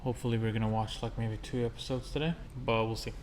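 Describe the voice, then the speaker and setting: A young man in easygoing casual chat recaps the last episode for a reaction video. His voice sits at a middle pitch, and a faint hiss runs underneath. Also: little pitch movement, quick pace, darkish tone. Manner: easygoing, laughs along. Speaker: co-host of a reaction channel.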